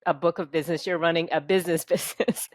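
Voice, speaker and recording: A woman's voice: lowish voice, fairly even intonation, fast talker, no room sound. A woman who hosts a podcast, asking questions casually and backing up her guest with frequent agreeing sounds. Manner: supportive listener with frequent backchannels and laughs. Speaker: podcast host. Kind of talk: casual interview.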